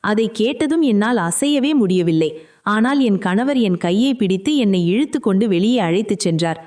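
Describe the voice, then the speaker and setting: A woman telling a dramatic story in the first person as scripted narration, in a steady, even storytelling manner. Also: mid-range voice, moderate pace.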